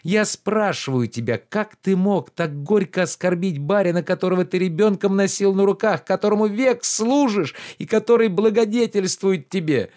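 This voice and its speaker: Man doing a shrill indignant pampered gentleman. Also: normal speed, hardly any pauses, natural voice. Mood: shrill outrage. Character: pampered idle middle-aged gentleman, indignant.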